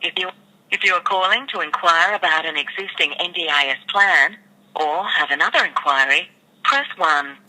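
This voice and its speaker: A recorded phone menu message from a helpline, read out in a measured, formal announcing manner. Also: mid-range voice, pushed and bright, a little hiss or hum, poor audio.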